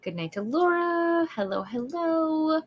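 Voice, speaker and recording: A woman from Wisconsin hosting a livestream, her voice sitting a little high. She chats in a bubbly, rambling way with lots of fillers, hyper from too much caffeine. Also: animated, unhurried. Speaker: livestream host. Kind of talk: casual livestream chat.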